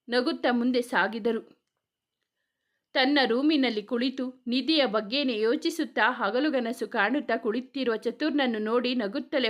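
A woman narrating a family story in a measured, expressive way. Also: fairly high pitch.

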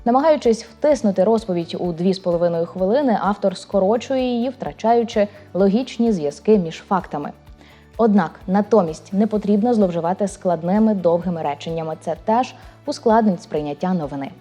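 A woman hosting a language program, reading a scripted narration with clear, deliberate delivery of word examples. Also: medium pitch, dark tone, soft background music. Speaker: program host.

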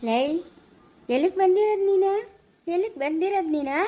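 A woman's voice: very high voice, animated, a little fast, warm tone. A woman playing a bossy older village woman who gives orders, speaking with a rural Chikkaballapur Kannada accent. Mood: commanding. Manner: commanding, scolding.

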